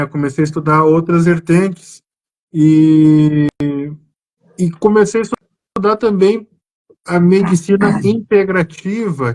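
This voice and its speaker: Speaking with a Brazilian gaúcho Portuguese accent, a man from southern Brazil joins a live stream by video call as a psychiatrist guest. He explains his work earnestly and conversationally, sometimes restarting hesitantly, in a voice that is a little high and a little mellow.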